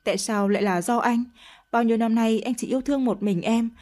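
A woman's voice: on the high side, fairly even intonation, a little fast, a little mellow, close to an everyday voice. A woman voicing a heartbroken older husband who pleads with his wife in a read-aloud story. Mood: pleading. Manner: pleading, reproachful. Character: middle-aged man, heartbroken old husband pleading.

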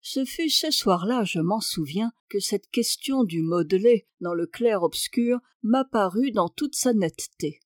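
A woman reading a literary novel aloud with measured, wry storytelling. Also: mid-range voice, lively intonation, no room sound, clean studio sound. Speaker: audiobook reader. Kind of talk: literary narration.

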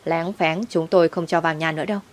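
A woman voicing a loud, aggressive young woman who picks fights. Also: sits low, fairly even intonation, quick pace, close to an everyday voice. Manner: shouting, aggressive.

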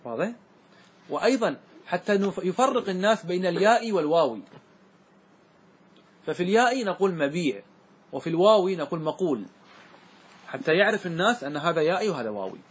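Sheikh teaching grammar in class, highish voice, a bit husky, keeps asking if it's clear. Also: male voice, lively intonation. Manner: keeps checking that students follow, asking if it is clear; slows and repeats words to stress their forms.

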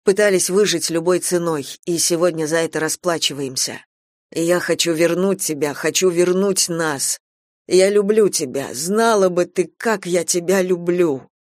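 A woman voicing a grieving, remorseful man who pleads slowly and brokenly with his wife. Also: fairly low pitch, a little mellow, no echo, studio quality, natural voice. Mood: pleading.

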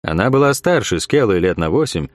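A man narrating a fantasy audiobook in an expressive storytelling manner. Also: on the low side, fairly quick, no room sound.

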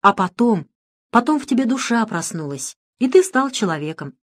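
A woman voicing a kindly, wise elderly male priest in an audiobook, gentle but firm and folksy. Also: on the high side, sing-song, normal speed. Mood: earnest.

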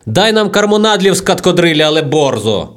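A woman's voice: on the low side, sing-song, fairly quick. A woman voicing a brash, bullying male tavern thug. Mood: scornful.

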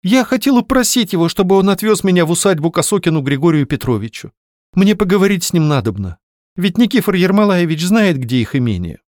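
A man's voice: sits high, big pitch swings, quick pace, a little mellow, dry recording, clean studio sound, voice pushed up. A man voicing a cold, defiant young woman. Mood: urgent pleading. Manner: cold, clipped, haughty.

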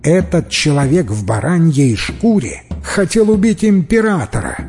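A man voicing a clever, brave young wife in a storybook tale, lifting his voice higher and speaking emphatically. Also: unhurried, in a large hall, faint music behind. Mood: commanding. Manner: raised pitch, lively and emphatic. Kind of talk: storybook reading.

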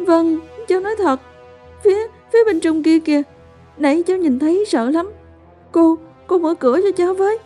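A woman's voice: extremely high pitch, a little fast, warm tone, soft background music, pitched above the performer's own voice. A woman voicing a frightened little boy who cries and stammers as he pleads for help. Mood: sobbing, terrified. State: crying.

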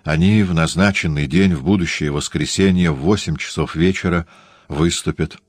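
A man's voice: deep voice, normal speed, dry recording. A man reading a distraught young lieutenant. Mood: distressed. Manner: agitated, exclaiming. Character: young grieving male army lieutenant, lovesick.

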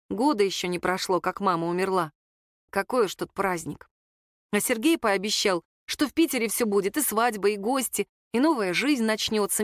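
A woman's voice: medium pitch, no room sound. Woman narrating an audiobook, dry and close. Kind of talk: scripted narration.

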